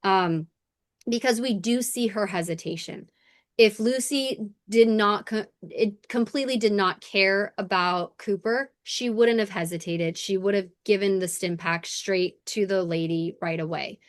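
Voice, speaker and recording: A woman's voice: medium pitch, a little slow, dry recording, studio quality. A woman co-hosting a podcast, chatting casually and animatedly about a TV episode, swearing freely and acting out the scenes. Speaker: podcast co-host. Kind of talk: casual recap chat.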